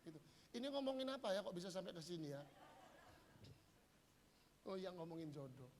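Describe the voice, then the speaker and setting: A man's voice: sits high, big pitch swings, fairly quick, slight background noise. A middle-aged man preaching in church, joking and acting out little dialogues. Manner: humorous, acts out quoted dialogue. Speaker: pastor. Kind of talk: sermon.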